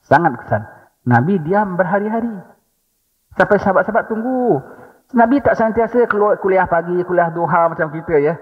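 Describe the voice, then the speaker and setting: Malaysian preacher in an echoing hall. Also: male voice, high voice, animated, brisk. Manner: rhetorical "ha?" prompts, humorous asides. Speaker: religious teacher. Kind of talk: religious lecture. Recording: dull recording in a long-echoing hall.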